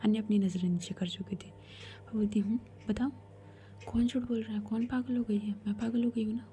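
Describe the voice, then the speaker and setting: A woman's voice: on the high side, fairly even intonation, normal speed, mellow. A woman storyteller telling a romance in a casual, chatty way as a whispered role-play, voicing both heroines' lines herself.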